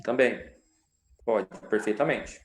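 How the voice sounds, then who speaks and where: A man's voice: fairly low pitch, slow, heavy background noise. A man working as a lawyer, answering questions on a live stream in an explanatory way, with many fillers and tag questions. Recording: roomy echo.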